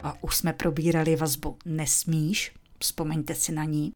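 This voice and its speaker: Low-voiced woman teaching a lesson. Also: flat delivery, darkish tone, faint music behind. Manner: models English phrases slowly, sometimes whispered. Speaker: English teacher. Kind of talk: slow, deliberate language lesson.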